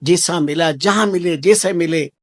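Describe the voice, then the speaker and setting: A man with a high voice preaches a devotional sermon to his listeners. He exhorts them over and over, repeating his points and swinging into emphatic bursts. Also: unhurried, no echo, studio quality. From Rajasthan, India. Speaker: spiritual teacher.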